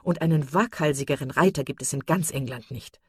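A woman reading the part of a hearty, blustering country squire, blunt and loud. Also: deep voice, brisk, slightly rough, no echo, clean studio sound.

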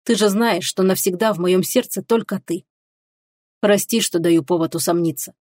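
A woman voicing a stern, devoted male warrior who speaks seriously and in a measured way. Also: lowish voice, a little mellow, no echo, lightly acted. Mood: tender.

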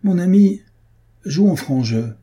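A man's voice: high voice, expressive, slow pace, warm tone, husky, voice pushed up, exaggerated voice. A man reading an audiobook, voicing a bold young male Huguenot swordsman who speaks politely and resolutely. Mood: cold.

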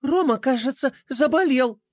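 A man voicing a small, excitable princess girl who chatters breathlessly and fast. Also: very high-pitched, no room sound, clean studio sound, pitched above the performer's own voice. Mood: anxious.

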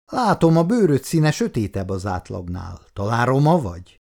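A man's voice: mid-range voice, big pitch swings, gravelly, darkish tone. A man reading the part of a cool-headed militia leader who talks to a prisoner in a dry, teasing, lecturing way. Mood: cool mocking.

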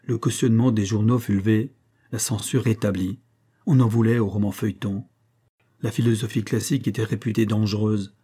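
A male audiobook narrator reads a classic novel in steady, literary phrasing. His voice sits low, dark and mellow in tone, and carries a slightly husky grain. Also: a little fast. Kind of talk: scripted narration.

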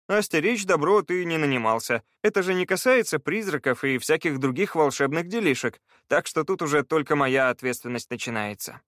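A man reading an audiobook, voicing a cheerful, practical male treasure hunter in a raised, lively voice. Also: a little high, no room sound, clean studio sound.

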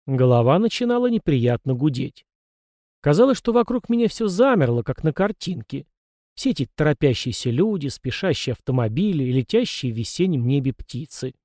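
A man narrating a first-person audiobook story in a measured, even storytelling manner. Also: on the high side, no room sound, clean studio sound.

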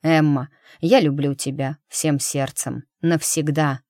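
A woman reading a gruff, blunt young male battle mage in an audiobook, speaking in a dry, matter-of-fact, grumbling way. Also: low voice, fairly even intonation, slow, a little mellow, no echo.

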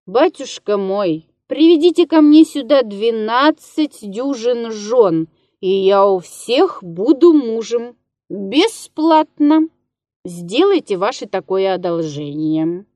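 A woman voicing a drunk male musician who mocks and wheedles in a slow, slurred way. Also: fairly high pitch, animated, warm tone, no room sound, clean studio sound. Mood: mocking.

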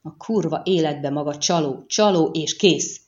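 A woman's voice: sits low, darkish tone, muffled recording, lightly acted. A woman voicing a foul-mouthed bandit girl. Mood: angry. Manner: brash, swearing, accusing. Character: coarse defiant young female bandit, foul-mouthed. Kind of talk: audiobook character reading.

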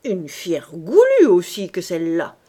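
A woman putting on a gruff old vagabond who rants in loud, theatrical bursts, his voice leaping high and swinging widely as he heaps grand insults on everyone around him. Slow and deliberate, a storybook grump. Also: big pitch swings. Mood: gruff scolding. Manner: blustering, ranting, grandly insulting. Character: gruff grumbling old male vagabond philosopher. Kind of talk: audiobook character reading.

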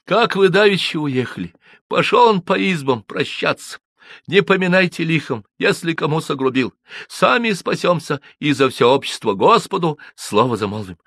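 A man's voice: on the high side, very animated, normal speed, a bit bright, no room sound, clean studio sound, voice pushed up, heavily acted. A man voicing a tearful young peasant girl who talks in wailing village speech. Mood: tearful, urgent.

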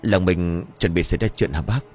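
A man's voice: low voice, fairly quick, a little mellow, faint music behind, lightly acted. A man doing a fawning scheming young thief. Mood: ingratiating. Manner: ingratiating, eager. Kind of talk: audiobook character voice.

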